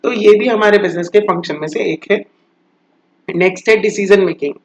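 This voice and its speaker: Male commerce teacher, high voice, patient lecture delivery, dull lo-fi mic. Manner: explains step by step, often asks and answers his own questions; drags out English definitions slowly, as if dictating. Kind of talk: recorded classroom lecture. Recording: dull lo-fi sound.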